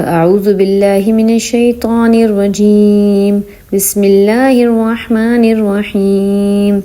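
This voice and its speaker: A woman's voice: lowish voice, warm tone. A woman teaching Quran reading in an online lesson, mixing English words into her Urdu and checking after each point whether the learner has understood.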